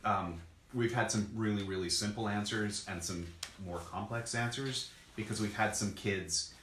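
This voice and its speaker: A man's voice: fairly low pitch, moderate pace, a bit bright. A man co-hosting a children's lesson as a zoologist, explaining things casually and simply in short pieces. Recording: echoey room, background noise.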